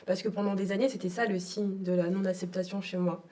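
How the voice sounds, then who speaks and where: A young adult woman from Togo tells her personal story as an interview guest, sounding reflective and hesitant, often pausing and repeating words. Her medium-pitched voice is warm, with a flat delivery and a slightly fast pace, picked up on a distant mic.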